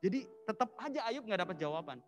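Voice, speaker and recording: A male pastor giving a casual, lively sermon, telling the story in slang and mixing in English phrases. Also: sits high, fast, soft background music. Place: church service.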